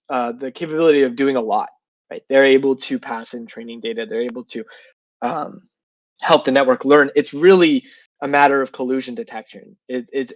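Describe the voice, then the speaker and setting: A guest developer with a sinus infection answers questions in a casual online interview, sounding nasal and congested. His voice sits at a medium pitch, the recording is dry and lo-fi, and he thinks aloud with many fillers.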